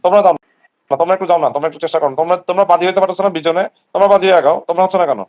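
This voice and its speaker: A man's voice: high voice, racing, muffled recording. A man, talking emphatically and repetitively on an online live stream. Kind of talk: heated casual talk.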